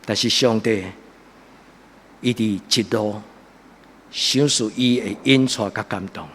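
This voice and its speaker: A man's voice: on the low side, measured pace, slight background noise. A man from Taiwan preaching a church sermon with a Taiwanese Hokkien accent, earnest and exhorting in his delivery. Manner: earnest, exhorting, swelling into loud emphatic passages. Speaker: pastor preaching a Sunday sermon. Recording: echoey hall with long reverb.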